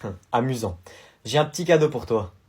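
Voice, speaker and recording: A man acting in a comedy sketch, calm and measured, in a fatherly way. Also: medium pitch, noisy background.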